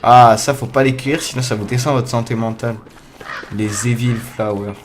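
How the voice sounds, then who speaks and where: Excitable swearing young gamer guy. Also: medium pitch, a little fast, noisy background. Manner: excitable, swears a lot, talks to the viewers; loud startled outbursts and laughs. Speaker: gamer playing a survival game. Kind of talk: casual let's play commentary. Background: faint game music.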